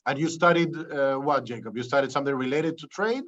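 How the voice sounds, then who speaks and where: A man's voice: mid-range voice, brisk, fairly bright tone, dull audio. A man hosting an interview podcast, introducing the format and questioning his guest, listing topics and restarting phrases. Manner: enumerating, with frequent restarts. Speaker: podcast host. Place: Peru.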